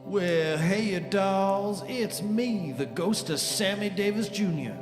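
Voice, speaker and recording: A man's voice: high-pitched, animated, takes it slowly. An actor playing the groovy ghost of a lounge singer in a comedy, crooning half-sung phrases in showman slang. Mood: breezy, groovy. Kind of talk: scripted comedy audio acting. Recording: echoey, long hall reverb. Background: music.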